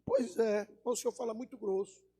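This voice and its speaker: A preacher putting on a squeaky falsetto farm gatekeeper. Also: male voice, steady tone, moderate pace, dark tone, husky. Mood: polite. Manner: thin, high falsetto. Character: squeaky-voiced male farm gatekeeper in a joke. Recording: echoey church hall.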